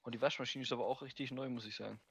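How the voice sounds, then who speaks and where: A man's voice: mid-range voice, steady tone, very fast, vocal fry, a bit bright. A man talking casually with others during a multiplayer game. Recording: slightly noisy voice chat with clicks.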